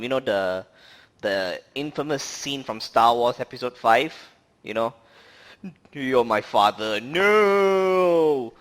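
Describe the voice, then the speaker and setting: A man chats casually about movies, with a middle-pitched voice. He rambles through fillers and breaks into laughter often. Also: a bit bright. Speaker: podcast co-host. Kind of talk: casual movie review chat.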